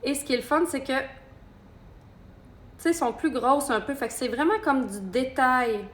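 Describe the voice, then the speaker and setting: A makeup artist with a Québécois French accent gives a chatty live makeup tutorial, walking viewers through each step. Her voice is high and her pace moderate.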